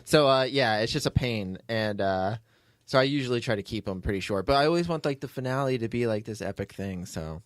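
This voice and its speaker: A podcast host who writes and produces an audio drama leads a casual behind-the-scenes chat, rambling, joking, and poking fun at himself. His medium-pitched voice has lively intonation and a fairly quick pace. The recording is dry and studio quality.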